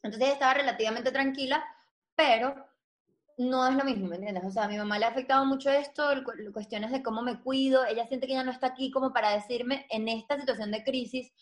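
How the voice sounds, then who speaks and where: A woman, chatting casually with friends and telling animated stories. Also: sits high, fast talker. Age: 20s. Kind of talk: casual chat among friends.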